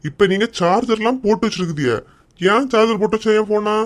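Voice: medium pitch, fairly quick, close to an everyday voice. An actor voicing a stern middle-aged father with a Kanyakumari Tamil accent, scolding his daughters in a cartoon comedy. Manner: scolding, threatening, then gently coaxing.

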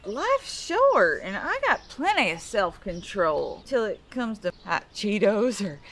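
A woman's voice: mid-range voice, big pitch swings, slow, fairly bright tone, exaggerated voice. A woman playing an easygoing, skeptical small-town drinker, folksy and dry in a comedy sketch. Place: outdoor backyard.

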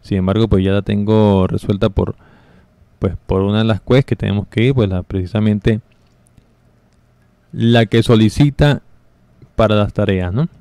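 A man giving casual step-by-step commentary over a game walkthrough, relaxed and explaining with fillers. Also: fairly low pitch, normal speed, long pauses, smooth, no echo. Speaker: gameplay guide narrator.

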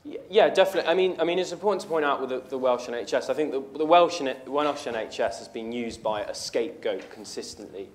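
A young man running for political office fields audience questions in a university lecture hall, sounding earnest and full of ums and restarts. His mid-range voice moves fast with hardly any pauses. A room mic at the lectern picks him up, with the camera far away.

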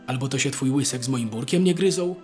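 A man's voice: medium pitch, fast, a little mellow, faint music behind, close to an everyday voice. A man voicing a simple, timid peasant soldier who asks naive, fearful questions in a rural dialect. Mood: naive, frightened. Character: simple, timid young peasant soldier, big and slow-witted.

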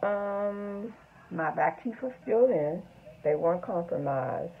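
A middle-aged woman talks toothlessly in a casual, halting video diary. Her voice sits on the low side and moves very slowly. The sound is tinny and phone-like, captured in a room at home. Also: lively intonation, slight background noise. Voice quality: toothless speech, front teeth missing. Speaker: vlogger. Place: small home room, indoors.

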